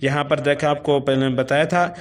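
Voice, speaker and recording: A man with a Pakistani accent teaching Quran reading, spelling out syllables slowly in a chanting tone. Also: a little high, flat delivery.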